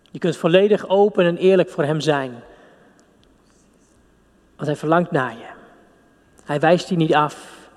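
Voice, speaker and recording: A man's voice: sits high, a little mellow. Fervent man preaching in a hall. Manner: fervent, intimate preaching with pauses. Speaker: pastor. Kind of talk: sermon and prayer. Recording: long hall reverb.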